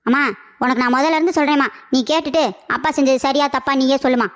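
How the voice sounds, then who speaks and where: A woman voicing a young boy who whines and pleads in an animated cartoon. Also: high-pitched, fast talker, close to an everyday voice. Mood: explaining. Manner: pleading, whiny. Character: young boy, whiny and tattling.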